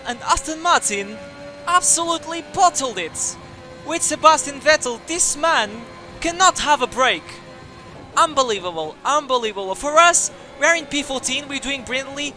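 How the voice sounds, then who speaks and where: Young male gaming commentator, very high pitched, energetic and jokey, shouts at big moments. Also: moderate pace, faint music behind. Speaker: gaming YouTuber. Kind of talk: excited racing game commentary.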